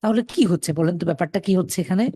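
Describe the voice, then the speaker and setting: A man's voice: high-pitched, fast, warm tone, husky. Man, Quran reading teacher, live online class, patient, repeats syllables, dry close sound, computer mic. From Bangladesh. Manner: patient, repeats rules and drills syllables for students to echo.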